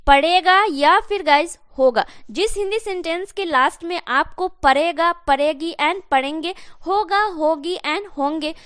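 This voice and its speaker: A woman teaching an English grammar lesson step by step, often calling her viewers guys and slowly dictating example sentences. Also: high voice, a bit bright, no echo, clean studio sound.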